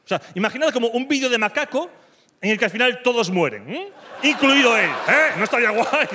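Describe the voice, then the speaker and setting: A man with a Spanish accent from Spain doing stand-up comedy, delivering provocative dark humor that swings from mock calm to loud. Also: very high-pitched, fairly quick, a crowd in the background, noisy background.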